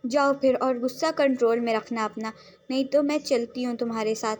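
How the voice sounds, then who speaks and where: A woman's voice: on the high side, steady tone, a little fast, darkish tone, close to an everyday voice. A woman voicing a fiery, blunt young woman who scolds and demands answers, in a storybook role reading. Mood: scolding.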